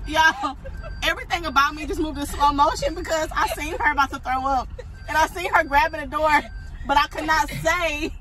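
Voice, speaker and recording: A woman's voice: sits high, a little fast. A young woman vlogging on a phone inside a car, chatting bluntly with friends and swearing freely. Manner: blunt, profane, laughing storyteller. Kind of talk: casual chat with friends. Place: inside a car on a road trip. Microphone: handheld phone camera. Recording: phone audio in a car, busy background chatter.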